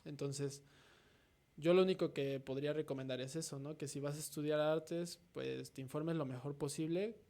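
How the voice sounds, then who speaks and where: In a casual interview, the guest, a young Mexican artist in his twenties with a slightly high male voice, muses out loud. Almost each idea ends with a brief checking-in "no?" as he reflects.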